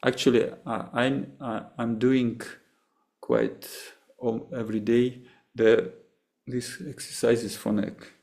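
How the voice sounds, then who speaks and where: Fielding questions after a session, a Russian meditation teacher with a Russian accent halts and restarts often while searching for words. Unlike a flat speaker, he is expressive, his mid-range voice showing vocal fry and a darkish tone.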